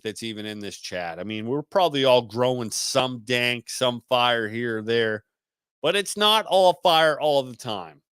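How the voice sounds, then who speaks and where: A man's voice: mid-range voice, fairly bright tone, smooth, dry recording, clean studio sound. A man hosting a live call-in stream, reading viewer comments aloud and answering in a laid-back way, swearing freely and saying "man" a lot. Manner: repeats words as he restarts.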